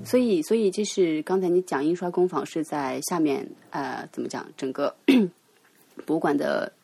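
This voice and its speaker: A woman co-hosting a podcast, chatting in a brisk, playful, teasing way. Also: sits low, gravelly, dark tone, slightly rough, soft background music. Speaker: podcast co-host. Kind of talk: casual chat.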